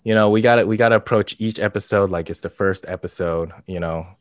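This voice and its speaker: Male podcast co-host, low register, monotone and casual, recorded dry and close. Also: fast, dry recording. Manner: monotone, flat delivery.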